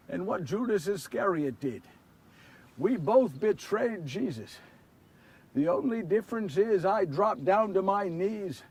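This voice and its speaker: A man performing Peter, a remorseful fisherman apostle, confesses in an earnest first-person stage monologue. His voice sits very high and husky. He swings from hushed regret to loud anguish, heard from a distance off the mic. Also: exaggerated voice.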